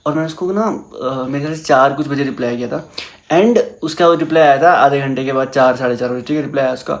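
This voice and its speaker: A young man telling a personal story in casual chat, animated and mixing English words into his talk. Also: medium pitch, quick pace. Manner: animated, mixes English into Hindi.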